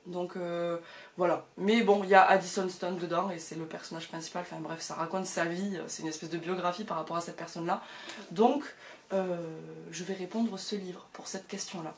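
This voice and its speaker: A woman's voice: on the low side, steady tone, normal speed. A woman chatting casually to the camera about her books at home, with lots of hesitations and fillers. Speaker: book vlogger.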